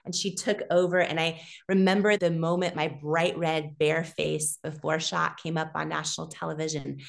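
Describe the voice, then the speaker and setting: Woman telling an animated, emotional story. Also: low-pitched, normal speed, vocal fry. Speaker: podcast guest, entrepreneur. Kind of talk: storytelling in an interview.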